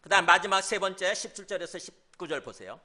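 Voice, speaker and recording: Male pastor, bright lively sermon delivery, high pitch, questions to the pews. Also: fast. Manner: animated, acts out quoted voices, asks the congregation questions. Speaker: senior pastor.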